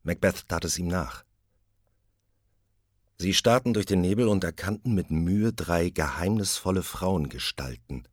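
A man narrating a retold tragedy in a slow, grave storytelling manner, close to the mic. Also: sits low, dry recording. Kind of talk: audiobook narration of a retold play.

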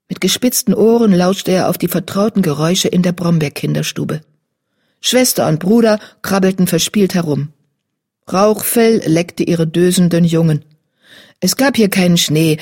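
A steady audiobook narrator with a husky, breathy voice in a middle pitch. The reading is measured and even. It sounds like scripted storytelling.

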